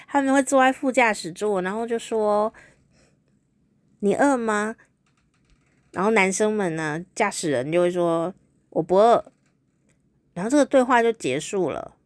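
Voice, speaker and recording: A woman's voice: a little high, dry recording. A woman hosting a podcast, telling a story in a chatty, playful way and laughing often. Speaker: podcast host. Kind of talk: casual storytelling monologue.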